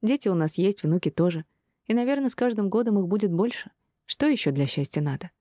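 A woman voicing a calm, decisive middle-aged mother who speaks in a level, stern tone. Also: medium pitch, fairly quick, no room sound, clean studio sound, voice pushed up, natural voice. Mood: tender.

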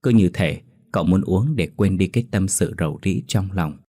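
Man reading a spooky folk story, really deep voice, steady and measured. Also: no echo, studio quality. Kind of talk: scripted story narration.

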